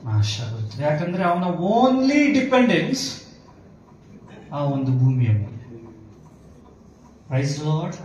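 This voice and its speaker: A man's voice: fairly high pitch, a little mellow, heavy reverb, recorded from a distance, a little hiss or hum, rough recording. A male pastor preaching a sermon, asking his congregation questions and answering them himself. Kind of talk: bilingual sermon.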